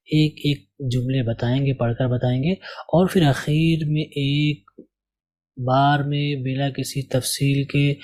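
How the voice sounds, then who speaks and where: A man's voice: medium pitch, a little mellow. A man from India, teaching an English course and patiently explaining how to do the exercises, repeating his key points. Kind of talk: explaining a language course lesson.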